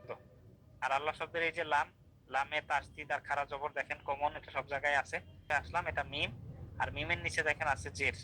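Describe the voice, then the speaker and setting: A man's voice: a little high, fairly even intonation, fairly quick, pushed and bright, slight background noise, poor audio. A man teaching an online class, explaining step by step, repeating drills and asking checking questions. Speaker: Quran recitation teacher.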